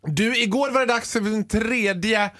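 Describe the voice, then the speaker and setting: A man chatting on a radio show, acting out other people's lines in high excited voices. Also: dry recording, studio quality. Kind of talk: casual radio chat, animated storytelling.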